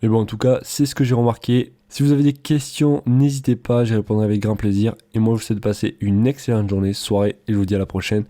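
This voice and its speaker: A man giving a casual product comparison voice-over in a chatty, relaxed way, with frequent hesitations. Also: fairly low pitch, quick pace, few pauses. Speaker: product reviewer.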